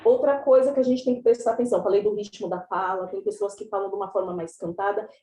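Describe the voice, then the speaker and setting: A woman's voice: medium pitch, steady tone, fast, reverberant, low-quality recording. A woman, giving an online class presentation over a video call in a chatty, explanatory way. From São Paulo, Brazil. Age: 30s.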